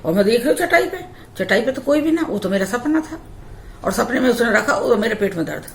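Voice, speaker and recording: A woman's voice: on the high side, fast talker. Woman vlogger telling a story, echoey room. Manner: animated storytelling with many repetitions. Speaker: mom vlogger. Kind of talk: telling a personal birth story. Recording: echoey room with faint ambient noise.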